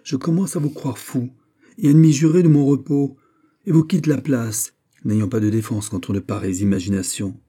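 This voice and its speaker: Brief: a stern older queen mother, read by a man, cool and chiding, storybook, dark husky tone. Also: lowish voice, little pitch movement, fairly quick, few pauses. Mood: indignant.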